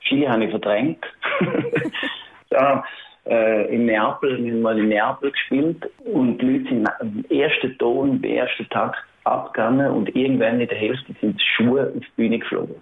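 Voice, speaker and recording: Heard over a tinny phone-like line, a man with a mid-range voice speaks at normal speed. He's a Swiss German-accented band musician from Schaffhausen, Switzerland, responding to interview questions in a relaxed, halting way with many fillers and false starts.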